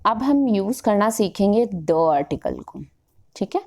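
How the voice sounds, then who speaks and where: A woman's voice: medium pitch, sing-song, a little mellow. A woman with an Indian English accent teaching a grammar lesson online, explaining step by step and often checking with her students. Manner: explains slowly, mixing Hindi and English, often checking "ठीक है".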